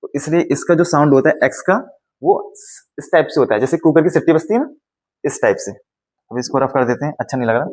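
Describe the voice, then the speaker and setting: A young man, an English teacher giving a phonics lesson, saying each sound slowly and repeating it several times. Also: a little high, a little mellow, rough recording.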